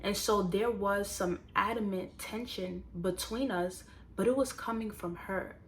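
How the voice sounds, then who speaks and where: Animated young woman telling a story. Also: medium pitch, unhurried, slight background noise. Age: 20s. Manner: animated, conversational, addresses viewers directly. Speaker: vlogger. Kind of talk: casual storytelling and motivational talk.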